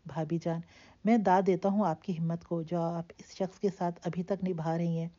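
A woman voicing an earnest, grateful middle-aged man who speaks in a heartfelt, measured way in a storybook reading. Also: fairly low pitch, steady tone, mellow, lightly acted. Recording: dull lo-fi recording.

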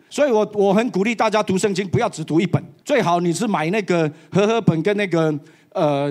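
This church elder's voice sits high as he delivers an animated sermon before a live audience, sprinkling in bits of English.

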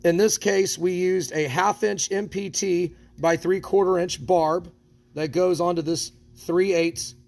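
A man with a fairly high voice walks through a build in a hands-on how-to. He explains each step plainly while handling parts in front of a close phone camera. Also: steady tone, unhurried, vocal fry, a little mellow. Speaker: equipment shop instructor.

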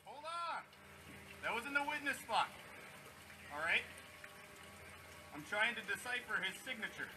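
A man's voice: high voice, unhurried, long pauses, background noise. A man working as a police officer, patiently and firmly negotiating and trying to read out a warrant. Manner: patient, firm, tries to calm things.

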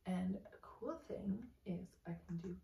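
Slow-talking woman, roomy far-off sound. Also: on the low side, creaky, mellow. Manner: mutters to herself, swears, jokey and exasperated. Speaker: vlogger. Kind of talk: casual chatter to camera. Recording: roomy echo from off-mic.

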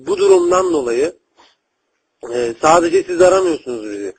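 Husky, hesitant male call agent over a landline. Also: on the high side, expressive, moderate pace. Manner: polite, hesitant, often repeating his words. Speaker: call centre customer service agent. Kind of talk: formal customer service call. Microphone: telephone line. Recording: husky-sounding landline phone call recording.

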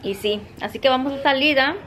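Mexican woman, casual vlogger voice, a bit high, chatty, coos at her dogs; noisy phone audio outdoors. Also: brisk. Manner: chatty, talks to her dogs in squealy baby talk. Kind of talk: casual vlog chat. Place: in a car, then outdoors in a sunny yard.

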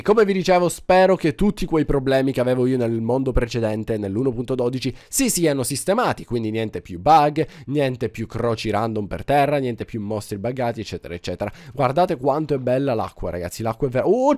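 A man with a cold and sore throat giving excitable, exclamatory gameplay commentary to his viewers. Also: medium pitch, dry recording, clean studio sound. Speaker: gaming YouTuber.

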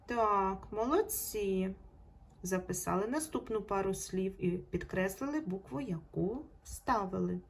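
A woman teaching a primary school video lesson, stretching out example words slowly and clearly for children. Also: mid-range voice, animated, slight background noise. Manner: slow, drawn-out pronunciation of example words.

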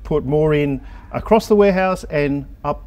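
A man in his fifties, a consultant, explains things in a measured way during an interview in a warehouse, with a lapel mic. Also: a little high, mellow. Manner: measured, explanatory, some hesitant restarts. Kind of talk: on-site interview. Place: large indoor warehouse.

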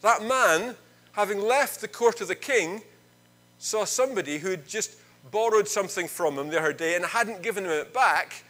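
A man's voice: high voice, moderate pace, pushed and bright, low-quality recording. A Scottish man leading a church service, chatting with the congregation and telling a Bible story in a playful, informal way.

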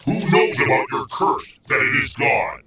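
A man's voice: mid-range voice, animated, moderate pace, bright, forceful tone. A man voicing an impersonal game system that makes ominous scripted announcements. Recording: very echoey, distant, noisy with clicks.

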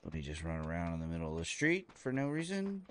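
A man streaming a shooter game live, thinking aloud as he loots, excitable, with his voice jumping up high at times. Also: fast talker, slight background noise. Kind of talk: live gameplay commentary.

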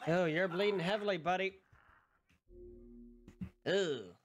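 A man's voice: high-pitched, slow pace, soft background music. A young man giving casual, sarcastic, sweary commentary as he plays a game. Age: young adult. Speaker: gaming streamer. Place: small bedroom-like room indoors.

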